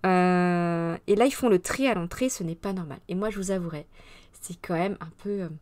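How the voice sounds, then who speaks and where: A woman's voice: lowish voice, normal speed, darkish tone. A woman hosting a casual live culture show, chatting and answering viewer comments, with frequent fillers and moments where she drops to a whisper. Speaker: mother of young children.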